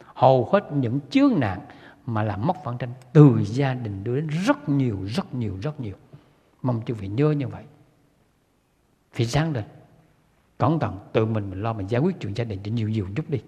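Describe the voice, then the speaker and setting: A man's voice: medium pitch, lively intonation, normal speed, pauses often, warm tone, husky. A man giving an earnest Buddhist sermon, repeating himself and putting questions to his listeners. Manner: earnest, repetitive, rhetorical questions to audience. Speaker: Buddhist lay teacher. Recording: dull lo-fi recording with long hall reverb.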